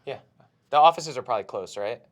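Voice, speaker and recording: A man's voice: medium pitch, expressive, quick pace. A man chatting casually as a player in a tabletop game, talking through plans with the group. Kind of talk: casual chat while playing. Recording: faint background noise.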